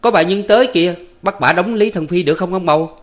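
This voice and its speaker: A man's voice: high voice, quick pace, voice pushed up, close to an everyday voice. A man voicing a cheeky young village man who calls out eagerly to the others.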